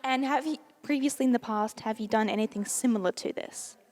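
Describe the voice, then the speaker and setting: A woman interviewing guests, asking gentle, encouraging questions. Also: on the high side, a little fast.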